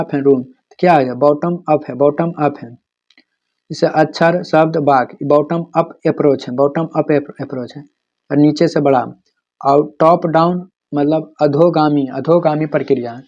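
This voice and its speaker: A man lectures for an exam, saying each key term again and again, then asking the class a question and answering it himself. His voice sits fairly high but sounds mellow and soft-edged. The recording is dull and lo-fi. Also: steady tone, moderate pace. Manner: repeats key terms for drilling, asks and answers his own questions. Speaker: teacher.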